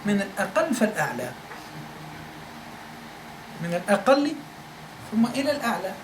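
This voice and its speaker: Big swings in pitch mark the high-sitting voice of a male Algerian teacher, who talks at a moderate pace. His classroom lecture in a study circle room repeats key points and asks listeners if they understand. Faint noise and echo are audible.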